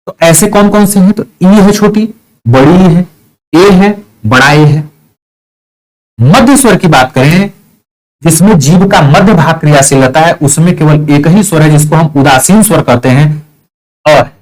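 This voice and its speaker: This low-quality clip features a male grammar teacher with an eastern Uttar Pradesh Hindi accent, his slightly raised voice a little high, a little mellow and a little slow. Working step by step, he asks his own questions, supplies the answers, and draws out vowels to demonstrate how they sound.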